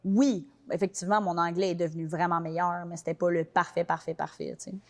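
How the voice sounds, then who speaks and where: A woman's voice: fairly low pitch, steady tone. Young woman, Québécois French accent, casual interview guest, colloquial, filler-heavy. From Quebec. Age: young adult. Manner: quick, colloquial, many fillers like "genre" and "tu sais". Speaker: interview guest, soccer player.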